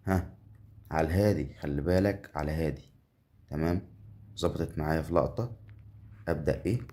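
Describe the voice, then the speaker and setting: A man with an Egyptian accent runs live gameplay commentary in a low, dark voice. He is chatty, counts his winnings out loud and keeps talking straight to the viewer. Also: fairly quick. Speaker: gambling game streamer.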